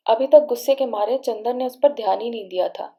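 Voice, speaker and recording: A woman reading a novel aloud as a storyteller, in steady, measured narration. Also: a little high. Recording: dull lo-fi recording.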